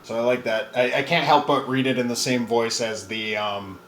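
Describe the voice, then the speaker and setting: A man in a casual live stream talks through a taste test in a relaxed, chatty way, pausing on fillers as he thinks aloud. His voice sits at a middle pitch. It echoes in a roomy space with a faint hum in the background.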